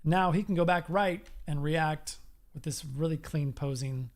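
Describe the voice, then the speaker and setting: A man's voice: fairly high pitch, a little slow. A man teaching a live animation class, walking through a shot pose by pose and briefly acting out the character's lines. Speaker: animation instructor.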